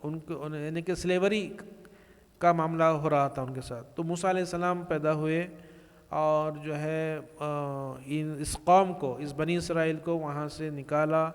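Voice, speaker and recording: Man, religious lecture, explanatory, pausing, smooth resonant voice, long reverb. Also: fairly high pitch, fairly even intonation. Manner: measured, explanatory, with frequent pauses and restarts; mixes English words into his speech. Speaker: religious speaker.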